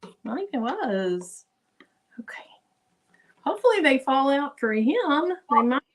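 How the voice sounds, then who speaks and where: A fairly high-voiced woman heard over a video call through her computer microphone. She chats casually and thinks aloud about her craft project as she works. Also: big pitch swings, unhurried. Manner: chatty, thinks aloud while working. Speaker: guest crafter.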